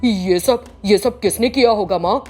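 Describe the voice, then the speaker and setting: A woman's voice: mid-range voice, measured pace, mellow, husky, soft background music. Woman voicing a bullying harsh husband. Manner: threatening, barking orders.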